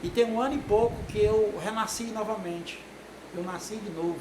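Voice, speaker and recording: Recorded in an echoey room with background noise, a lay preacher in his sixties rambles through an informal sermon for a video audience, leaning on tag questions. His voice is high and his pace moderate.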